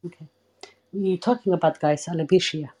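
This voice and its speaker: A woman's voice: on the low side, fairly even intonation, fairly quick, mellow. A woman from Somalia calling into a talk show, politely asking for her turn and then giving her view. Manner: polite, asks again and again for a turn. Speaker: caller. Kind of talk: call-in comment.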